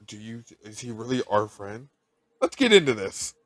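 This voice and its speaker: A man co-hosting a casual animation podcast, teasing his partner and breaking into animated bursts of emphasis. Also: lowish voice, moderate pace. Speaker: podcast co-host. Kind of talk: casual chat.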